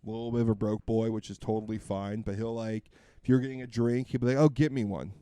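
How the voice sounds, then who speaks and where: A man's voice: fairly low pitch, little pitch movement, quick pace, warm tone, clear, resonant tone, no echo. A man co-hosting a podcast, telling a long casual story with lots of fillers and restarts. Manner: rambling, full of fillers and restarts. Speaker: podcast co-host.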